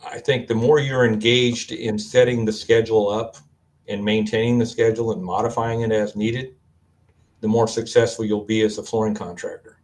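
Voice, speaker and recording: A man with a Kentucky accent, a guest on a video-call panel, speaking in a measured, storytelling way. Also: lowish voice, flat delivery, a little mellow. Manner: measured, storytelling, quotes advice he gives. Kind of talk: casual panel discussion.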